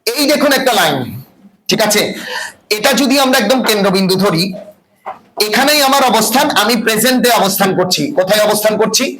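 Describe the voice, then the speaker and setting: Man, high voice, classroom teacher, echoey room, chattering students behind. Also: brisk, a bit bright, a little hiss or hum. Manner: asks the class frequent check-in questions. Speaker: English teacher. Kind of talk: classroom lecture.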